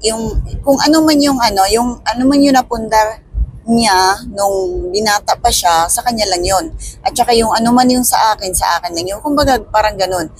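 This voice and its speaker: A woman's voice: on the high side, slight background noise, poor audio. A woman from the Philippines, chatting animatedly to her viewers in a casual storytelling vlog and often laughing. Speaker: vlogger. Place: home in Sweden.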